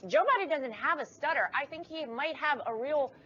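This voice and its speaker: A woman hosting a political talk show, talking in a lively, teasing way. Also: high voice, moderate pace. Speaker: host. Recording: dull lo-fi stream audio with faint noise.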